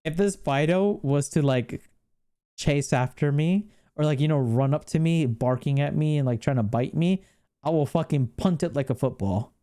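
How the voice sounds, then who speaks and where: This streamer talks at normal speed with a mellow, mid-range voice, rambling in casual chat with his viewers. Laughing often and cursing freely, he reacts to what's happening on screen.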